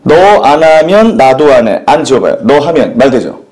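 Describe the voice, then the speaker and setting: Brief: patient tutor on a comedy show, mid pitch, animated intonation. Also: male voice, normal speed, poor audio. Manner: patient, explaining step by step. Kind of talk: explaining in comedy TV banter.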